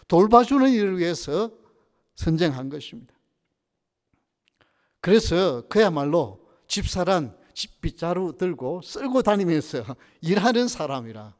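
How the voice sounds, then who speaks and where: A male pastor delivering a Sunday sermon with lively storytelling and frequent rhetorical questions. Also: a little high. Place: church sanctuary. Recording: reverberant church sanctuary.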